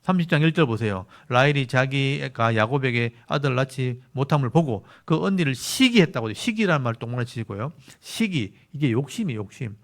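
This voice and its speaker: A man's voice: medium pitch, animated, a little fast, hardly any pauses. A man with a Gyeongsang Korean accent, a pastor teaching a Bible lecture sermon who explains patiently and repeats key words for emphasis.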